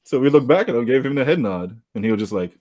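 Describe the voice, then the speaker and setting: A man's voice: medium pitch, animated, fast talker, a little mellow. A man co-hosting a laid-back podcast, with a voice that swings all over as he tells his stories. He laughs through his own anecdotes and acts out what people said. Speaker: podcast co-host. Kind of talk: casual storytelling chat.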